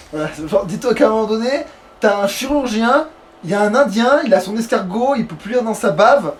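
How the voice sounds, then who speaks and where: High-pitched and animated, this let's play host speaks briskly, chatting casually and muttering curses to himself during a video game. It's a home recording with clear background noise.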